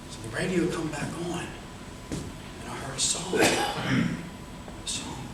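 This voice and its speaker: A man telling a folksy, comic tall tale to a live audience in a theatrical manner with dramatic pauses. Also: on the high side, lively intonation. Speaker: contestant in a tall tales speech contest. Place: indoor room with a live audience. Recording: echoey, noisy room, distant mic.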